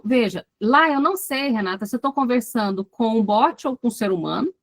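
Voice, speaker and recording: A woman's voice: high-pitched, no room sound. A woman with a Brazilian Portuguese accent giving an online psychoanalysis lecture, speaking animatedly and turning to her students with frequent asides. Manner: animated, talks to students directly with many asides. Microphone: video call.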